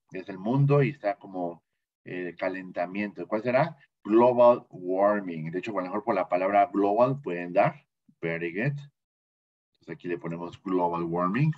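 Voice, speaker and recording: A man with a Mexican Spanish accent who teaches an English class, speaking patiently and repeating vocabulary slowly so students can copy it. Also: lowish voice, dull audio. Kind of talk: bilingual classroom lesson.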